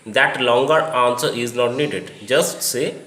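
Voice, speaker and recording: Slow, deliberate male teacher. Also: medium pitch, a bit bright, roomy sound, a little hiss or hum. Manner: slow, deliberate, explains step by step. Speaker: English teacher. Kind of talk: slow spoken English lesson.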